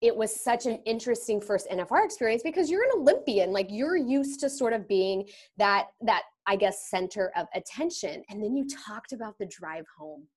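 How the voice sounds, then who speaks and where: A woman's voice: medium pitch, expressive, normal speed, hardly any pauses. A woman hosting a podcast interview, chatting with bursts of enthusiasm. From grew up in the rodeo world. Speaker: podcast host. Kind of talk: casual interview chat.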